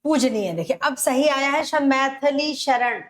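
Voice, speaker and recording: A woman teaching Hindi grammar for an exam, explaining step by step and repeating words slowly. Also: high voice. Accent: Rajasthani Hindi. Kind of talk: exam-prep grammar lesson.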